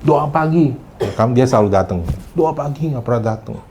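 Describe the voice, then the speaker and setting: A man's voice: mid-range voice, animated, brisk, darkish tone, slight background noise. A male pastor giving a casual, conversational sermon in a church hall, chatty and teasing, often turning to the congregation and mixing in English phrases.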